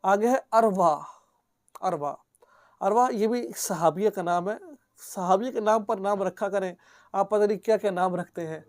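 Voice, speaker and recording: A male Islamic cleric teaching a lesson, repeating each word slowly for its pronunciation and often checking with an "okay?". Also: sits high, dry recording, studio quality. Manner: gently advising, earnest. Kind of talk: religious teaching video.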